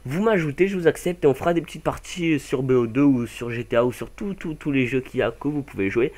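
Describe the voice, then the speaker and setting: A man's voice: mid-range voice, fast talker, a little mellow. A young man casually commenting over a game mod demo, rambling with many fillers and self-corrections. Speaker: gaming channel host.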